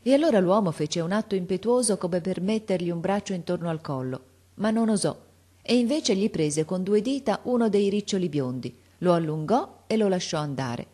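Low-voiced woman reading a storybook. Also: expressive, moderate pace, mellow. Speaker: audiobook narrator. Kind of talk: reading a classic children's novel aloud.

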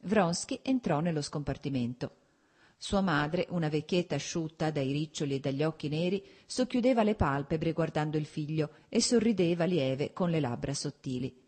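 Low, husky woman narrating a novel. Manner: measured, expressive reading. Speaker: audiobook narrator. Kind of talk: literary audiobook narration.

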